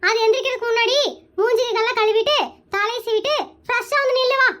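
A shrill, very high, sharp-toned cartoon aunt who nags and bosses everyone in rapid-fire bursts. She scolds nonstop and talks over people, all in a comedy cartoon register. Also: steady tone. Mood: scolding. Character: bossy meddling middle-aged aunt, loud and scolding.

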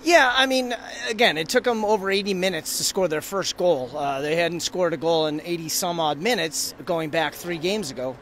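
A man in his thirties with a fairly high voice gives casual post-game analysis, restarting sentences as he goes. He talks into a phone held at arm's length in an empty arena, with a light hum behind. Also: moderate pace, hardly any pauses, a bit bright. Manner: hesitant, lots of restarts. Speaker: hockey reporter guest. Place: inside an empty hockey arena, rinkside. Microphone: host's phone at arm's length.

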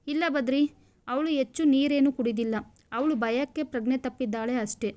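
A woman voicing a calm, teasing young village woman in a storybook reading. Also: high voice, moderate pace, natural voice. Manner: coaxing, playful.

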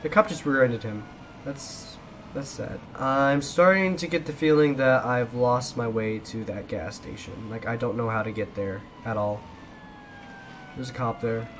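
A man's voice: medium pitch, normal speed, a little hiss or hum. A young man giving casual gameplay commentary while driving from police, often repeating himself when things go wrong. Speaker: gaming YouTuber.

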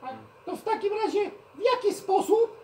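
A very high, childlike voice of a curious young male hare, as a woman puts him on for a children's puppet show. He is eager and playful, firing off questions and mishearing long words. He sounds roomy and a little far from the mic. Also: expressive, normal speed, dark tone. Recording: roomy, from a distance.

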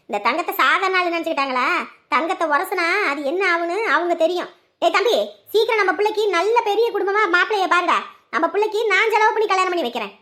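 A fierce elderly aunt, loud and scolding, very high voice, family drama. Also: female voice, full character voice. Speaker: protective aunt. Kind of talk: Tamil family drama acting.

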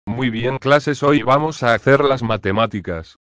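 Casting: male TTS voice as a formal strict teacher, mid-pitched, dry sound. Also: measured pace, fairly bright tone, dry recording, lightly acted. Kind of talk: text-to-speech cartoon fan video.

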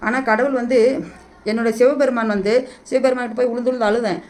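A woman's voice: fairly high pitch, steady tone. A middle-aged woman vlogging into a hand-held phone, making an emotional, repetitive plea to be paid back. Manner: pleading, repetitive, rapid-fire and agitated. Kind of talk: emotional direct-to-camera plea.

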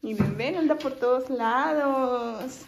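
A young mother, chatting casually to her phone camera for a family vlog and using soft baby talk with her little daughter. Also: sits high, slow pace, creaky, a little hiss or hum. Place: at home and in a car.

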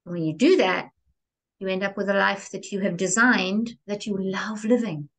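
A woman talking as an interview guest, with a theatrical, expressive delivery. She leans hard into key words and sounds animated throughout. Her pitch sits in the middle range. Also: moderate pace. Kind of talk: enthusiastic interview conversation.

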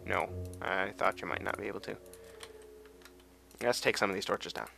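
A young man with a deep, gravelly voice gives casual, rambling commentary over a video game at a moderate pace, with music playing underneath. He drifts off on tangents and hums and sings to himself as he plays.

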